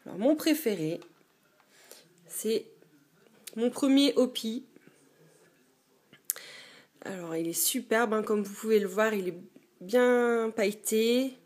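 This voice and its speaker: A woman's voice: on the high side, takes it slowly, pauses often, a little mellow. A young woman chatting casually about her own collection in a dim bedroom, hesitant and full of fillers. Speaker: beauty vlogger. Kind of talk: casual show-and-tell.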